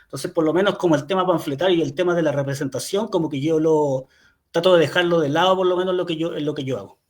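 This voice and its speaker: A man with a Chilean accent, a guest poet on a video call, answering thoughtfully with many pauses, fillers and restarts. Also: on the high side. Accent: Chilean Spanish. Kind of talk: reflective interview answer. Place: home, remote video call.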